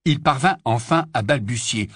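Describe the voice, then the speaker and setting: An expressive storyteller reading an audiobook aloud. The voice is husky and moves freely in pitch. The recording is dry and close. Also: moderate pace, no echo. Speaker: audiobook reader. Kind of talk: audiobook narration.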